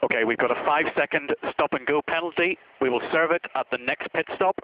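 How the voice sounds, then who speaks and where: A man's voice: a little high, quick pace. A man working as a race engineer, giving short, repeated instructions over race car radio. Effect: team radio transmission. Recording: slightly dull race radio.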